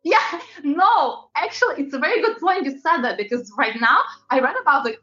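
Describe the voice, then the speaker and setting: A woman's voice: sits high, a bit bright, highs cut off. A young woman singer-songwriter from Latvia with a Latvian accent, chatting in an interview, gushing and trailing off with fillers. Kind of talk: casual interview chat.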